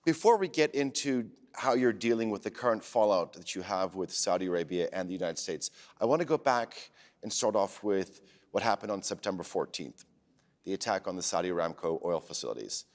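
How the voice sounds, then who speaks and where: A man's voice: deep voice, animated, a little fast, big-room sound. A man hosting a broadcast current-affairs interview, putting formal questions to a guest. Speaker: interviewer, TV host.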